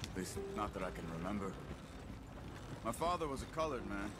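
An actor playing a calm, quiet outlaw who speaks plainly. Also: male voice, on the low side, fairly quick, lightly acted. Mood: somber. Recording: game audio with loud background noise.

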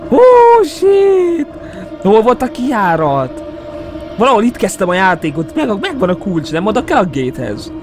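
A young man with a Hungarian accent commentating a horror game, excitable and jumpy, muttering to himself between yelps. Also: high voice. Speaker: gaming YouTuber. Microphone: headset. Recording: faint game music behind.

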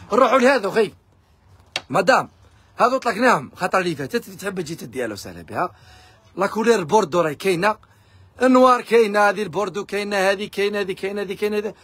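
A man with an Algerian accent, pitching fabric discounts in a pushy live sales video. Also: fairly bright tone, husky. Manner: rapid, pushy hawking to viewers. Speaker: fabric shop seller.

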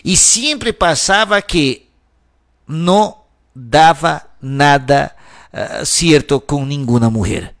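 A man slowly telling a personal story in the first person, halting and conversational. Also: fairly high pitch, a bit bright. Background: music.

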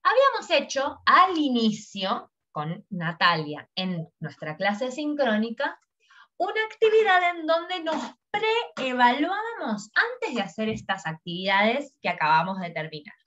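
A woman with a Rioplatense Spanish accent teaching a recorded English lesson, switching between English phrases and Spanish explanations and repeating phrases slowly. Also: on the high side, sing-song, pushed and bright. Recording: dull lo-fi recording.

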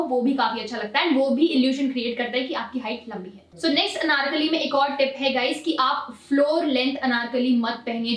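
A young woman giving casual fashion tips in a chatty vlog, mixing English words into her Hindi and calling her viewers guys. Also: sits high. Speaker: fashion vlogger. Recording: roomy echo, from a distance.

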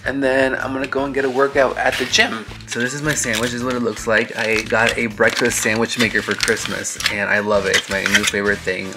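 A man's voice: fairly low pitch, background noise. A young man, a flight attendant, chatting casually to his phone camera in hotel rooms, upbeat and laughing often. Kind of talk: casual vlog talk to camera.

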